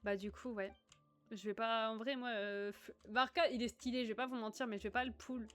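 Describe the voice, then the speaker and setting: A woman's voice: a little high, a little fast, soft background music. A woman from northern France chatting casually with her viewers while playing a game on a livestream. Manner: chatty, reads chat aloud, sudden excited outbursts. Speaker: streamer. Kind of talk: casual gaming livestream chat.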